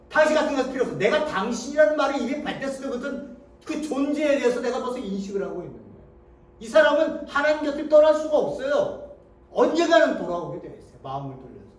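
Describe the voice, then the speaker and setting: A male pastor preaching a sermon, moving between hushed tones and loud rhetorical questions. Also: very high-pitched. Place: church sanctuary. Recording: echoey church hall, mic from a distance.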